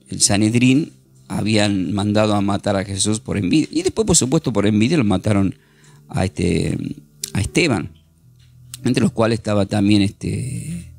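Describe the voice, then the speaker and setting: A man's voice: on the low side, expressive, measured pace, creaky, a little mellow, soft background music. A man teaching a Bible class, earnestly reading scripture aloud with emphasis.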